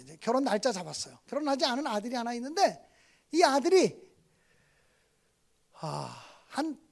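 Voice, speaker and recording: A man in his fifties preaching at a revival meeting as a guest pastor. He tells stories, acts out family dialogue, and swings between loud outbursts and soft asides. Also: very high voice. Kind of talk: revival sermon.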